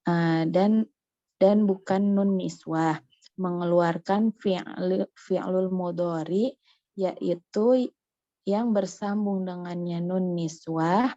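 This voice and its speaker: A woman student reads and translates a grammar text, slowly and haltingly, with many fillers and restarts. Her mellow, dark voice comes through a weak online call that keeps breaking up. The sound is muffled and dry. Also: fairly low pitch, steady tone, dry recording. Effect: choppy call audio breaking up on a weak signal.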